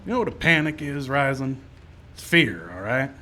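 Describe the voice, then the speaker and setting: A man playing a calm, skeptical frontier marshal in a live radio western, measured, dry and authoritative. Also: mid-range voice. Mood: stern. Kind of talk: live old-time radio western acting.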